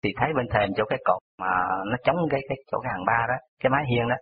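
Calling in to a radio show, a man with a Southern Vietnamese accent tells a personal story briskly, rambling and piling on small details. His pitch is an ordinary middle, and a thin, tinny phone line carries it along with slight background noise.

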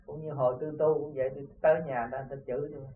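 A man's voice: mid-range voice, level tone, rapid-fire, slight background noise. A man with a Southern Vietnamese accent, a spiritual teacher giving an informal talk to disciples, earnest and often asking his listeners if they see the point. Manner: earnest, repeatedly asks "see?". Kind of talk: informal dharma talk with parables. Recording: tinny distant lo-fi tape.

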